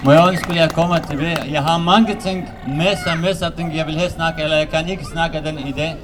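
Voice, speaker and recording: A man who learned Danish as another language, giving a halting public testimony at a gathering, with many restarts and rising heat. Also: on the high side, steady tone, background noise. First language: not Danish. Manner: halting, non-native Danish with many restarts, growing heated. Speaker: asylum seeker speaking at a public meeting.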